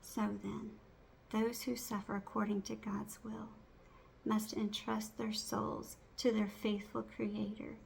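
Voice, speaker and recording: Creaky-voiced woman reciting scripture by rote. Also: mid-range voice, level tone, a little hiss or hum, rough recording. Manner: reciting by rote, measured phrase by phrase.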